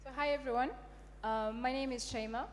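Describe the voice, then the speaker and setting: Young Moroccan-born entrepreneur, confident, slightly high, reverberant hall with faint hum. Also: female voice, fairly even intonation, a little fast. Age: young adult. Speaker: entrepreneur panelist. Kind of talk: self-introduction on stage.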